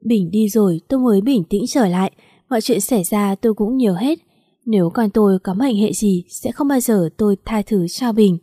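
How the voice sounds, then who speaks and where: A woman reading a first-person story aloud in steady, earnest narration. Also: medium pitch, normal speed, breathy edge, no room sound, clean studio sound. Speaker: story reader.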